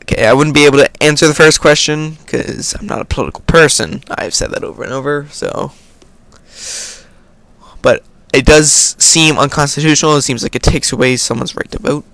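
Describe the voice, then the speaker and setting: A man's voice: fairly high pitch, a little fast, a bit bright, no room sound. An American man hosting a casual question-and-answer video, reading viewer questions aloud and then answering in an offhand way. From United States. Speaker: video host. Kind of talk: casual Q&A vlog.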